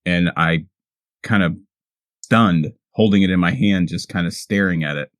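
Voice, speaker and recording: Playing a tabletop game, a deep-voiced man improvises first-person narration as his character, speaking haltingly and deliberately with dramatic pauses. There is no echo on the recording.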